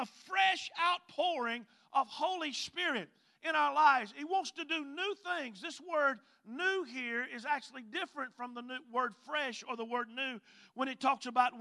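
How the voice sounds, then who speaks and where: This Mississippi-accented preacher from the Southern US speaks at an extremely high pitch, creaky and bright with a forceful tone. He draws out emphatic scripture readings and urges the congregation to respond.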